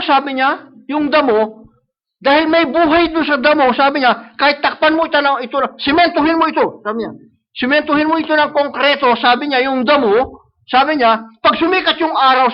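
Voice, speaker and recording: A man with a Filipino accent preaching a sermon, switching between Tagalog and English and often asking "no?" to the congregation. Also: very high voice. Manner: mixes Tagalog and English, repeats "sabi niya" and "no?". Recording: dull lo-fi live stream audio.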